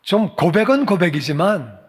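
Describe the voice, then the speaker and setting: A male pastor preaching a sermon in a church, animated and acting out dialogue with a raised voice. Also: high voice, normal speed, husky. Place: church sanctuary. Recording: reverberant church hall.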